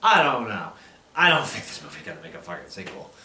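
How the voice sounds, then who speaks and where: A man's voice: fairly low pitch, very animated, fast talker, sharp tone, a little hiss or hum. A man giving an angry, drunken, rambling movie review, exasperated and swearing heavily as he loses his thread. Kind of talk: ranting film review. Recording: roomy, echoing voice recording.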